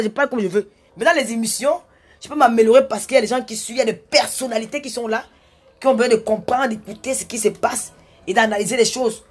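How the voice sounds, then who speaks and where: A woman, loud and forceful, scolding her critics in a ranting live video. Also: a little high. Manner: combative, scolding, repetitive. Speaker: social media personality.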